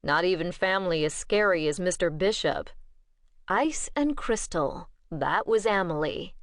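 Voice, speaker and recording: A woman narrating an audiobook in a measured, steady storytelling manner. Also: lowish voice, dry recording, studio quality.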